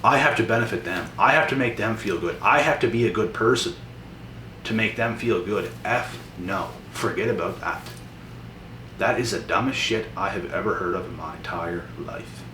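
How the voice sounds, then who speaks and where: A man's voice: fairly low pitch, moderate pace. A young man giving a blunt, preachy motivational monologue to camera. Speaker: motivational vlogger. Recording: echoey room from a distance with noise.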